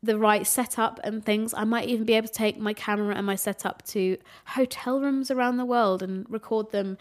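A young woman hosting her own podcast in a relaxed, unpolished solo chat, her voice a bit nasal. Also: mid-range voice, fairly quick. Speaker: podcast host. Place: home room with changing sunlight. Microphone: camera setup, recorded for video.

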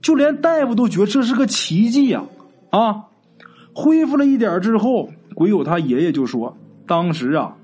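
A man telling a ghost story in a chatty, colloquial way, with drawn-out particles. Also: high-pitched, big pitch swings, darkish tone, husky.

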